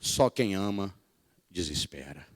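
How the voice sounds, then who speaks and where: A man doing a soft-spoken gentle missionary woman. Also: deep voice, expressive, husky, voice pushed down, full character voice. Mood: tender. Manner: soft, hushed, slow-spoken. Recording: echoey church hall.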